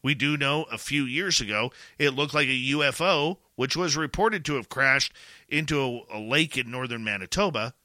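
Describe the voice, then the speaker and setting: A Canadian man giving opinion commentary in an emphatic, deliberate way, posing rhetorical questions and pausing for weight. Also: medium pitch, bright, forceful tone, no room sound, clean studio sound.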